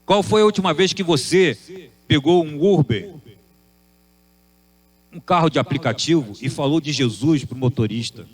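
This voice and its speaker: A man's voice: on the high side, expressive, moderate pace, pauses often. A man preaching a sermon, posing emphatic rhetorical questions.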